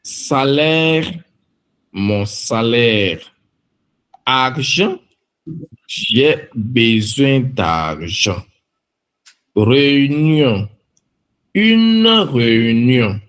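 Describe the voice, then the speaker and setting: Guy from france reading vocab lists super slow, careful clear words, bouncy pitch. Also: animated, fairly bright tone. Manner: carefully enunciated, word then example phrase. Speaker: language teacher.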